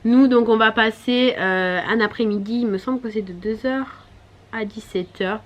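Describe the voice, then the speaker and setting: A woman chatting casually in a vlog, her voice hoarse, congested and duck-like from swollen tonsils, speaking in a chatty, hesitant way. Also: a little high, moderate pace, lo-fi sound. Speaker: vlogger. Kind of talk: casual vlog chat to camera.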